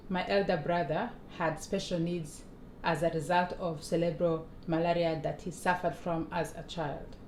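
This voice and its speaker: A Ugandan woman in her forties reading her own memoir aloud, measured and deliberate, with small pauses and restarts. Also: on the low side, darkish tone. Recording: echoey room with faint ambient noise.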